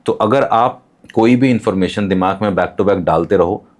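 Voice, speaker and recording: A man speaks as a podcast guest in a lowish voice. He explains patiently, giving examples and using English terms. His manner is calm and instructive. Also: normal speed.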